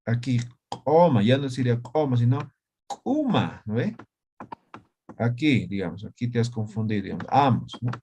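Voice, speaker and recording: A man's voice: mid-range voice, moderate pace, dark tone, a little hiss or hum. A man teaching an online Aymara writing class, explaining step by step and checking in with students by asking "right?". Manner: patient, explains step by step with frequent tag questions.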